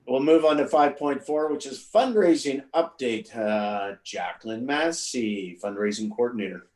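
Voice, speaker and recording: A person chairing a committee meeting in a brisk, friendly way. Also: medium pitch, expressive, darkish tone, echoey room.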